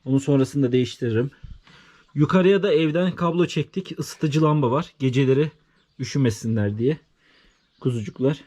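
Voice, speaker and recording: A man vlogging from his farm, talking casually and soothing animals with quiet, repeated hushes. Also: mid-range voice, moderate pace. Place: farm in a rural village, outdoors. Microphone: body-worn camera mic.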